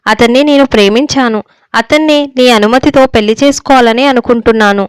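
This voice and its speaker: Woman narrator doing a stubborn young girl, storybook reading, clear kinda high voice. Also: a little fast, no echo, natural voice. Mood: pleading. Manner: pleading, then firm and defiant. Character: young woman student, earnest and defiant.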